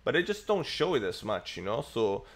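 On his tech livestream, a very animated Italian man in his thirties rambles casually at a moderate pace, peppering his speech with fillers. His voice is medium in pitch. He's in a bookshelf-lined home study, picked up by an earphone headset mic on webcam.

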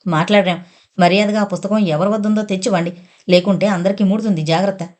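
A woman voicing a young wealthy man who talks to his beloved with affection and gentle coaxing. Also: medium pitch, fairly even intonation, fast talker, natural voice. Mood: stern angry.

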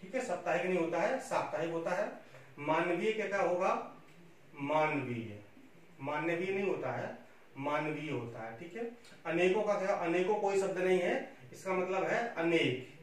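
A man's voice: high voice, expressive, normal speed. A man teaching Hindi spelling in a lecture, coaxing students and checking in with "okay" after nearly every point. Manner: repeats "theek hai" constantly, coaxing and instructive. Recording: very echoey room, distant mic, faint hiss.

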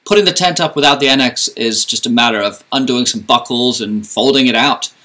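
Brisk and sharp in tone, a mid-range male voice belongs to a man in his thirties touring his camping gear outdoors. Moving between a driveway and a campsite, he keeps it casual with deadpan humor.

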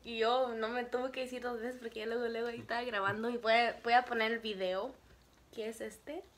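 This young female vlogger's fairly high voice moves fairly quickly as she tells her story casually, full of laughter, animatedly acting out quotes.

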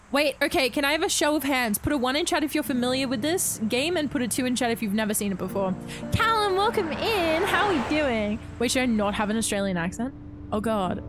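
A young woman streaming a game live from home, bubbly and excitable, greeting her chat and gasping with excitement. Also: a little high, fast talker, noisy background.

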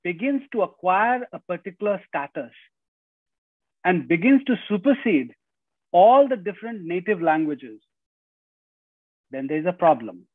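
A middle-aged man with an Indian accent gives an earnest lecture from home as a guest speaker, talking over a video call through earbuds. His voice is high-pitched and very animated, with a measured pace and long pauses, and he often says "you know" and restarts phrases. The indoor room adds no echo, and the audio is dry and tinny.

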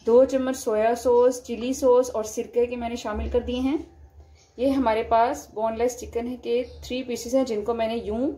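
A woman and mother giving a calm, step-by-step home cooking demonstration at her kitchen stove, talking to her viewers as she cooks. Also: a little high, normal speed, slight background noise. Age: adult, mother of a young son. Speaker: cooking vlogger. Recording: frying sizzle behind the voice. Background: frying and stirring in a wok.

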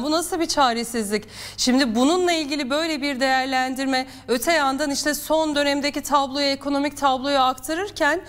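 A woman news anchor presenting and interviewing in a formal, measured way, addressing her guest politely. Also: sits high.

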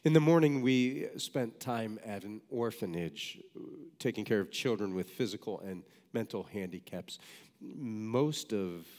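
A low-pitched man preaches in a church sanctuary, telling a story at a measured pace and dropping in dry, wry asides. His voice rings out with the long reverb of a large hall. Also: lively intonation, darkish tone. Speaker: pastor. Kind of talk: sermon, reading a story aloud.

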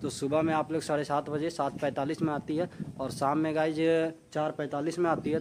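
A man's voice: fairly high pitch, very noisy. A young man from India with a Jharkhand Hindi accent, talking casually as he walks around a small railway station for his vlog, saying "guys" often. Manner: chatty, repeats "guys" often. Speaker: vlogger. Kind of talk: casual walking travel vlog.

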